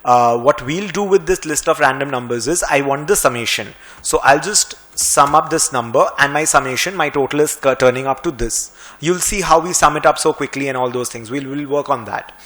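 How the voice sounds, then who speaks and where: This clip has an Indian English-accented man teaching finance and Excel through a screen-recorded tutorial. He talks in a mid-range voice, briskly and conversationally, with a slightly sarcastic edge.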